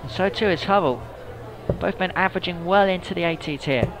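A man giving live darts commentary in a measured, informative way. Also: high-pitched, gravelly, noisy background.

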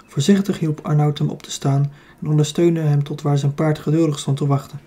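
A man's voice: fairly high pitch, flat delivery, fairly quick, dark tone. A man with a Dutch accent narrating a children's fantasy audiobook, reading steadily with the odd slip and self-correction.

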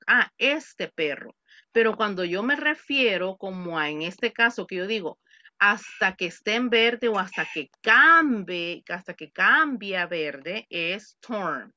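Bright-voiced teacher woman, slow and patient. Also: mid-range voice, dry recording, muffled recording. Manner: patient, repeats words slowly for students. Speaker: English teacher. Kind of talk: online English class explained in Spanish. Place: home. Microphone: computer mic on a video call.

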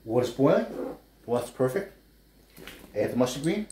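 A very animated New Yorker in his fifties, a chef and food blogger, rambles casually about his cooking and small business while working a wok at home. His mellow, mid-range voice runs at normal speed, with roomy indoor acoustics and a little hiss or hum.

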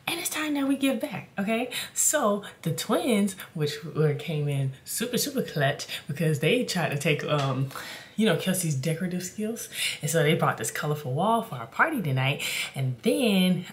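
A woman, chatting casually to the camera about a friend's surprise. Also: lowish voice. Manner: lively, laughing, exclaiming. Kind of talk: casual vlog chat.

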